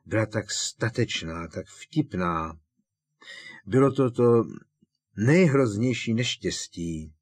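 A man voicing an elderly, fussy and sentimental potions teacher in an audiobook, talking in halting, emotional bursts. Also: fairly low pitch, expressive, a little hiss or hum, natural voice. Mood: tearful.

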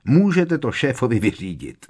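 A man voicing a defiant teenage boy wizard who shouts back at his foe. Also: medium pitch, huge pitch swings, voice pushed up.

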